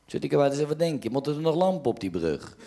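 A man with a Dutch accent telling stand-up jokes in a lively storytelling manner. His voice sits a little higher than most men's. He jumps up in pitch for quoted lines and drops back for the narration. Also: racing, vocal fry, background noise. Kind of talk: joke telling.

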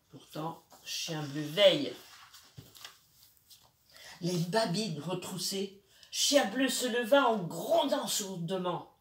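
A woman storyteller reading a bedtime story aloud to children, slow and expressive, with asides to her young listeners. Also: sits low, a little hiss or hum. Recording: roomy, distant from the mic.

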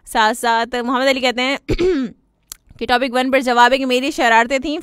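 Bright-voiced woman radio host. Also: on the high side, smooth, no room sound, studio quality. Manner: warm greetings and frequent giggles, mixing in English phrases. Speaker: radio host reading listener messages. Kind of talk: casual live radio chat.

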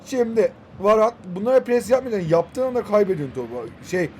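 A young man in his twenties narrates his football video game match as it happens. His voice sits very high, and he keeps talking to the players on screen, now and then shouting their names. Faint noise runs under the recording. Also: expressive, brisk. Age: 20s. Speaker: gaming YouTuber. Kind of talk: excited live gameplay commentary.

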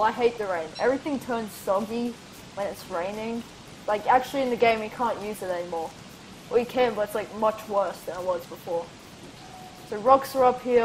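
A woman's voice: fairly high pitch, slight background noise, rough recording. A woman hosting a casual let's-play, rambling and chatting to herself and to things in the game as she plays. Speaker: gaming channel host.

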